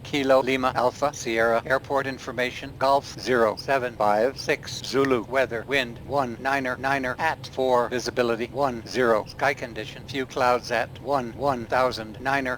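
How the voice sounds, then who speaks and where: An automated airport weather broadcast read by a man at a middling pitch, letters and numbers in a flat, clipped, even run. A faint hum sits underneath.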